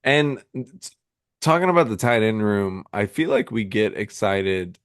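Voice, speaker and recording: A man's voice: lowish voice, expressive, measured pace, clean tone, no echo, studio quality. A man co-hosting a casual fantasy football podcast over a remote call, rambling with lots of fillers and restarts while he keeps hiccuping. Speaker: podcast co-host.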